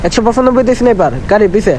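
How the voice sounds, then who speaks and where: Fast, high-pitched man gaming over gunfire. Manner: excitable, repetitive callouts. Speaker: player in a squad shooter match. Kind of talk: casual in-game squad chat with rapid callouts. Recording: noisy game audio with gunfire. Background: gunfire and vehicle sounds from game.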